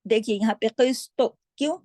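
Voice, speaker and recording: A woman teaching tajweed, patiently explaining the rules and slowly drawing out the words she recites, asking her own questions and answering them. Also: a little high, mellow, no room sound, clean studio sound.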